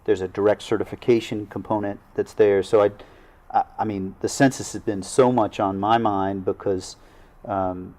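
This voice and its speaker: A man, a local government official in a studio panel conversation, speaking earnestly and haltingly with many restarts. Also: fairly low pitch, fairly even intonation, darkish tone. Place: small TV studio.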